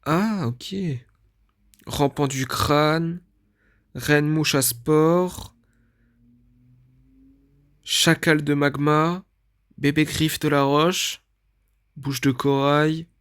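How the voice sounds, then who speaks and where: A man talks through a mobile game in a slow, unhurried way, stopping often to puzzle over what he sees. His voice sits a little higher than most men's, and his casual commentary stays hesitant and searching. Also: fairly even intonation, fairly bright tone, clean tone. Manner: thinks aloud, hesitant, often unsure. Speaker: gaming video creator. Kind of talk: casual let's-play commentary.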